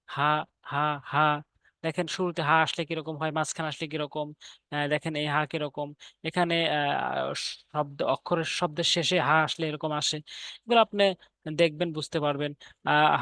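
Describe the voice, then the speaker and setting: A man teaching Arabic letters to beginners, patiently repeating each letter name and filling pauses with hesitant sounds. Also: a little high, a bit bright, no room sound. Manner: patient, repetitive drilling of letter names with frequent "ah" fillers. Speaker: Quran reading teacher. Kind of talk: explaining Arabic letters in a lesson.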